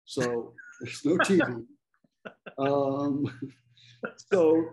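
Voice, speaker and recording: Guest: man, 40s, grew up in Ecuador, easygoing self-deprecating comic with an average-pitched voice. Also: big pitch swings, extremely slow, poor audio. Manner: self-deprecating, laughs often. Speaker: comedian guest. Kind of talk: casual podcast chat.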